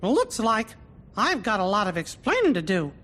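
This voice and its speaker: An actor voicing a cheerful, earnest cartoon mouse king in a squeaky falsetto, from a video game. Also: wildly swooping pitch, normal speed, bright, forceful tone, heavily acted.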